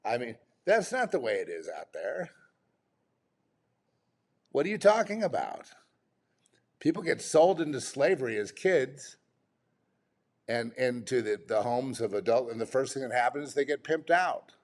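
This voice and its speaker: A man's voice: medium pitch, big pitch swings, normal speed. A man giving off-the-cuff commentary, rambling and exasperated, full of restarts and rhetorical questions.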